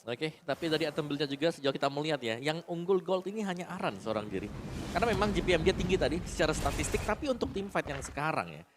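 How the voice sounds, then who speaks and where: A man's voice: fairly high pitch, animated, fast talker. A man with an Indonesian accent giving analytical live commentary on an esports match.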